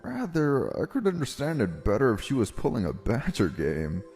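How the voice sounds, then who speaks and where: In an earnest manga dub, a man voices a polite young office worker who is exhausted and gets flustered, handling both narration and dialogue in anime style. His mid-range voice moves at a moderate pace, weary yet expressive, with faint music behind.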